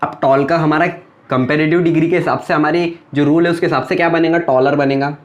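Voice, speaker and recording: The lo-fi sound carries a young man's fairly high voice as he teaches a grammar lesson at a board, fairly quickly and in a steady tone. He patiently explains by posing questions and answering them in turn.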